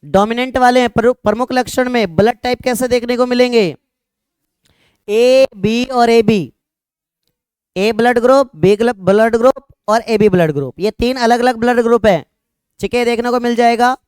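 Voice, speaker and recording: A young male teacher with a smooth, resonant voice talks a classroom through a lesson. He is conversational and repeats his checks again and again. He jokes with the students now and then. The sound is dry and close. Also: extremely high pitch, brisk, a little mellow, no room sound. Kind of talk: classroom lecture.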